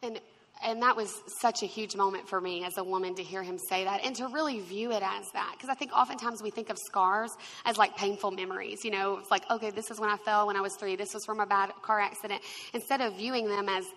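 This guest, a woman in her twenties, shares her testimony at a fast clip with a medium-pitched voice, and the sound has a big-room quality. She laughs often, stays expressive, and performs the quotes of the people in her story.

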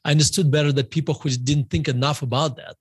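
A man's voice: on the high side, fairly even intonation, fast, slightly rough, no echo. Rambling Russian-born man, guest author. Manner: rambling, self-correcting, repeats words. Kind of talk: podcast interview.

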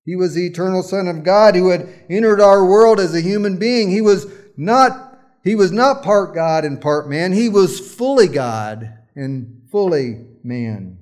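A man's voice: high-pitched, lively intonation, measured pace, few pauses, darkish tone. A middle-aged male pastor preaching a sermon, emphatic at times and telling folksy, humorous stories.

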